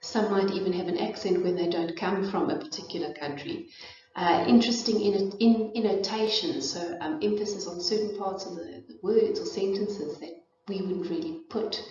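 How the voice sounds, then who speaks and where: A woman's voice: medium pitch, moderate pace, a little mellow. A middle-aged woman with a South African accent gives an informal educational talk, speaking thoughtfully with frequent fillers and restarts. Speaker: presenter of a parenting and child development talk. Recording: echoey, distant, dull room recording.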